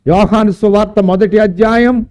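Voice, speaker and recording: A man's voice: high-pitched, steady tone, moderate pace, crowd noise. A man preaching a sermon at a church service, emphatic and drawing out key words. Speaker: pastor.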